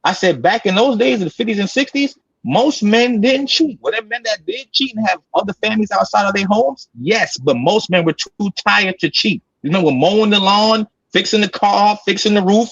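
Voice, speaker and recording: A man in his late thirties pressing his case in a heated online debate. His voice sits high, slightly husky and dry, and it comes through dull and lo-fi. He repeats himself to hold the floor. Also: lively intonation, moderate pace, hardly any pauses, fairly bright tone, no echo. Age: 30s. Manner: insistent, repeats himself, cuts others off. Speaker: podcast panelist.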